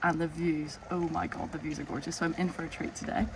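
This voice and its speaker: A woman's voice: low-pitched, little pitch movement, fast, very noisy. A woman chatting casually to camera as a vlogger.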